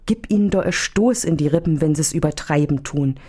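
A woman's voice: low-pitched, fairly quick, dark tone, husky. Woman voicing fussy old nun-nurse. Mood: fretting prayer. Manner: fussy, sighing, praying aloud. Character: kindly pious old nun-nurse, childlike cheer.

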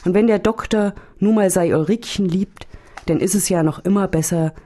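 A woman's voice: low-pitched, measured pace, dark tone, husky. Woman voicing fussy old nun-nurse. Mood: tender prayer. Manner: fussy, sighing, praying aloud. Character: kindly pious old nun-nurse, childlike cheer.

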